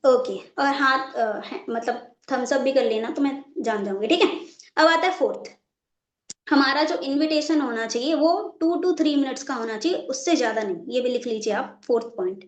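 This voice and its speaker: High-voiced woman teaching a live online class. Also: roomy sound. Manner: checks in often with the class, repeating points. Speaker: network marketing trainer. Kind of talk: live online training session.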